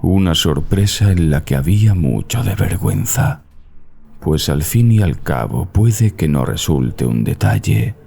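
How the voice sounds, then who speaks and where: A man reading a classic horror story as narrator, in a measured, solemn literary manner. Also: low voice, expressive, gravelly, mellow, husky. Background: background music.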